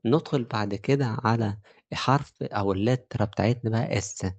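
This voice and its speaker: A man with an Egyptian Arabic accent teaching Italian pronunciation, explaining rules step by step and repeating example words slowly. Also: mid-range voice, darkish tone, dry recording. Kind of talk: pronunciation lesson.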